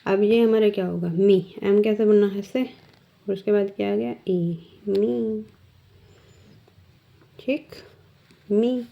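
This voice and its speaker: This step-by-step shorthand lesson comes from a woman teacher whose mid-range voice is gravelly and fairly even in intonation. She speaks slowly, patiently quizzing the class, and the audio is dull and lo-fi.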